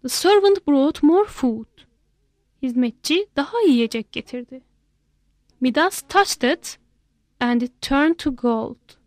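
A woman's voice: high voice, expressive, slow, pauses often, darkish tone, dry recording. A woman reading a simple story aloud in short, plain sentences, each one followed by its translation. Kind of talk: bilingual read-aloud story, each line then its translation.

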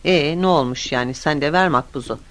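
A man voicing a hot-tempered, bossy male construction boss who talks down to people with impatient, scornful shouting. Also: fairly high pitch, brisk, close to an everyday voice. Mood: dismissive.

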